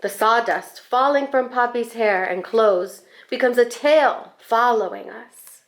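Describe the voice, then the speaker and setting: Reading to children from a picture book, this school staff member uses a slightly high voice and a deliberate, expressive storytelling style.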